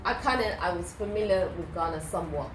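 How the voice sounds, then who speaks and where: A British woman in her thirties talks openly in an interview, lively and frank, often acting out what others said. Her voice sits a little low, and the room is echoey. Clear background noise runs under her. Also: fast talker. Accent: British English. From United Kingdom. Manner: chatty and candid, acts out what others said. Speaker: guest, YouTuber. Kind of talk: casual interview chat.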